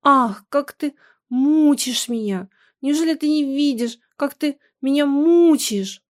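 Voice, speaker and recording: A woman's voice: fairly even intonation, slow, fairly bright tone, dry recording, clean studio sound. A woman playing a hysterical bitter young wife. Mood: anguished. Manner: shrill, sobbing outbursts.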